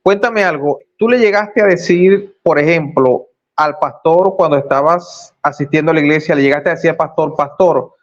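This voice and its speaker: A man's voice: a little high, normal speed, highs cut off. A man hosting a faith testimony interview, asking probing questions and exclaiming praise to God. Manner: warm-toned religious exclamations, asks probing questions. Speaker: host.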